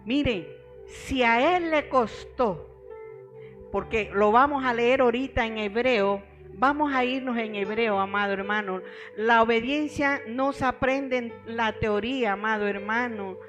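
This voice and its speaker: A middle-aged woman pastor delivers a sermon at an unhurried, deliberate pace. Her voice sits fairly high, and she weaves personal stories in while speaking to the congregation as beloved brothers. Soft music plays faintly underneath. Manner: storytelling preacher, addresses the congregation as beloved brothers.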